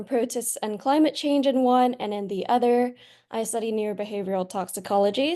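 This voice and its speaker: Woman, 20s, from Singapore, eager student panelist, mellow tone. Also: medium pitch. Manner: eager, enthusiastic. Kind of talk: self-introduction on a panel.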